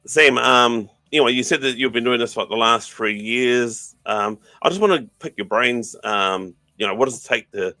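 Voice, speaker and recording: A man's voice: medium pitch, moderate pace, hardly any pauses, pushed and bright, dry recording. A man with a broad New Zealand accent hosting a podcast in casual, matey, slangy chat. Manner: blokey, matey, slangy address. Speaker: podcast host.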